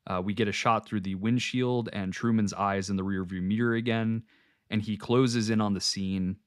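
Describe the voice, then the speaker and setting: A man's voice: lowish voice, normal speed, clean tone, dry recording, clean studio sound. A man co-hosting a podcast, chatting casually and analytically about a film scene. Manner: relaxed, analytical, with filler restarts. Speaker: podcast co-host. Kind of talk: casual film breakdown chat.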